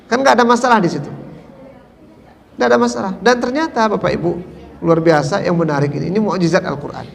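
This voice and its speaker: A man's voice: high-pitched, quick pace, vocal fry, pauses often. A man preaching to a mosque audience, asking questions and answering them himself, with many tag fillers. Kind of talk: mosque lecture. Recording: long hall reverb.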